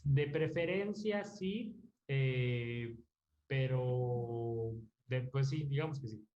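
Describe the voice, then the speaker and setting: Very slowly and in a darkish, medium-pitched voice, a man walks an online class through music theory. He's patient, thinks aloud using fillers, and checks in with tag questions often, and the audio comes across as dull, roomy, and lo-fi.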